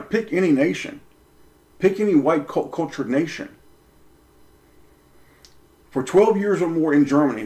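A man preaching straight to his listeners in an emphatic monologue. He leans on rhetorical questions and hammers points home with short repeated lines. His voice sits at an ordinary middle pitch for a man. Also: darkish tone. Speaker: religious commentator.

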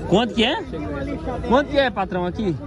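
Guy walking a street market with his phone, fairly high voice, joking and haggling, lots of crowd noise. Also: animated, fairly quick. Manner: chatty, haggling, slangy asides. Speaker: vlogger touring a street market. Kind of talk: casual market walkaround chat. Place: busy outdoor street market. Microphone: handheld phone camera. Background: market crowd chatter.

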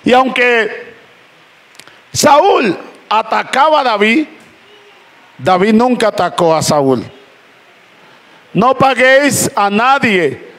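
A man preaching a sermon to a congregation, calling out praises between slow, emphatic phrases. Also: high voice, fairly bright tone. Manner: impassioned preaching with repeated "aleluya" and "gloria a Dios". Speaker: pastor. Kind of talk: Spanish-language sermon. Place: church hall with congregation. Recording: church crowd faintly audible. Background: congregation responding "amén".

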